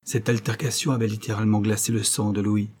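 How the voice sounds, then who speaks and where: Male audiobook narrator, low dark voice, measured and grave. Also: level tone.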